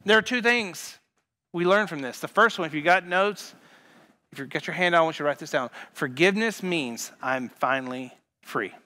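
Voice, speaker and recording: Bright, high-voiced preaching man. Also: a little fast. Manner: emphatic, repetitive preaching with sudden loud punches. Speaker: pastor. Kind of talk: sermon. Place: church sanctuary.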